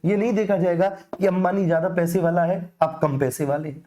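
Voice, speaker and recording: This woman teacher speaks with an Indian accent in a low, dark-toned voice, moving a little fast. Her exam-coaching lecture is explanatory, addressing students familiarly and repeating key phrases to drive them home.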